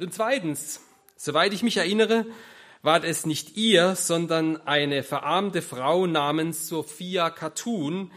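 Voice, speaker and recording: A man's voice: on the high side, fairly bright tone. A man voicing an older male economics professor who politely and earnestly protests.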